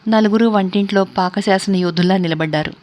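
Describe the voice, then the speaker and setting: A woman's voice: mid-range voice, a little fast, a little mellow. Woman reading a story steadily. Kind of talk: scripted narration of a story.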